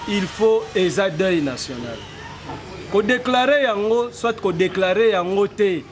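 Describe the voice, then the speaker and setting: High-voiced man, emphatic. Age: 40s. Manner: earnest, rhetorical, builds to emphatic declarations. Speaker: interviewee. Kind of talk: street interview, mixing French and Lingala. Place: outdoors on a city street. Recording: noisy street with passing traffic.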